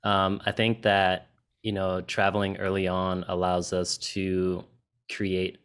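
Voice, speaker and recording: A man born and raised in New York, co-hosting a podcast in a relaxed, agreeable way. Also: low voice, slow, smooth. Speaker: podcast co-host. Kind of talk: podcast interview.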